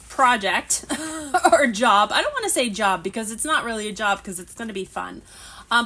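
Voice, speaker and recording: Sharp-toned and fairly high-pitched, this woman in her thirties hosts a livestream, talking loosely as she gets her crafts ready. She sounds slightly nasal from allergies and keeps starting her sentences over as she rambles.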